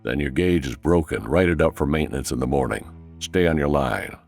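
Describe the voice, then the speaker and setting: A calm, bored train dispatcher answers over the radio, as a man puts him on in a horror story. The voice stays low and gravelly, unbothered and matter-of-fact. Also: a little fast, soft background music.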